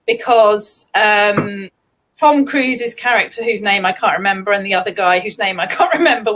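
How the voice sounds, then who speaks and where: A woman's voice: medium pitch, a bit bright. A woman with an English accent hosting a casual live-stream chat, giggly and chatty, laughing often. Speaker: host.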